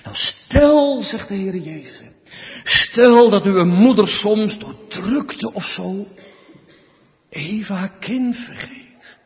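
A man with a high voice preaches a sermon at a slow, deliberate pace. He drops to near whispers, then rises to loud, pleading cries. The sound is dull and rings with long church reverb. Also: lively intonation. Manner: swings between hushed, slow lines and loud pleading cries.

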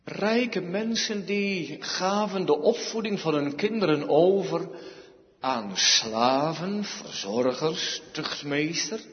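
A man's voice: on the high side, expressive, takes it slowly, long reverb tail, muffled recording. A male pastor preaching a sermon, emphatic, repeating key words and asking rhetorical questions.

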